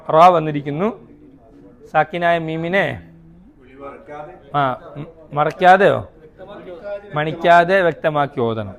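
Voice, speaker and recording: A man teaching a recitation class. He asks his students questions, answers them himself, and sounds out each rule slowly, repeating it. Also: high-pitched. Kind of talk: classroom tajweed lesson.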